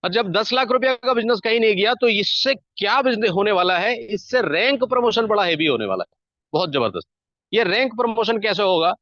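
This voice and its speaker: Guy with a high voice hyping up his team, keeps repeating himself, dry muffled audio. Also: animated, a little fast, a bit bright, dry recording. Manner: persuasive, repetitive, emphatic. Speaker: network marketing team leader. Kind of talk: motivational business talk. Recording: dull, dry lo-fi sound.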